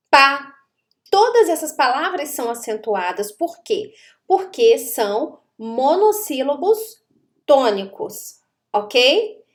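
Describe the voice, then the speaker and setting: A woman, a grammar teacher who explains rules step by step and checks understanding with rhetorical questions. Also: sits high. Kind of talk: explanatory online lesson.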